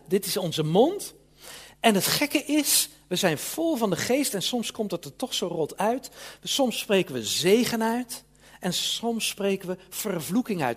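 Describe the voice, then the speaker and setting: Male preacher, fairly high and husky voice, earnest and emphatic sermon delivery.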